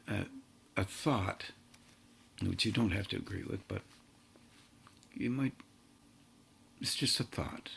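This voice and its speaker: Slow, gravelly, husky-voiced man. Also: on the low side. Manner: slow, halting, drawn-out phrases. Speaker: spiritual teacher. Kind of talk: meditative spiritual talk.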